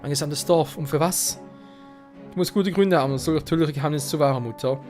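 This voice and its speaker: A man's voice: fairly high pitch, a little fast, darkish tone, faint music behind, lightly acted. A man voicing an earnest young man, a wounded pegasus rider, reading game dialogue aloud in a let's play. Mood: urgent.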